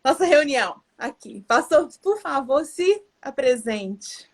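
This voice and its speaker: A woman's voice: high voice, lively intonation, slow pace. A woman, hosting a live stream in a chatty way with many fillers and restarts. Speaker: live stream host, educator. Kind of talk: casual live stream chat.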